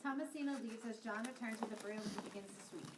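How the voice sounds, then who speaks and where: A woman's voice: a little high, fast talker. A woman reading stage directions aloud in a student play. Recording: noisy echoey stage from far off.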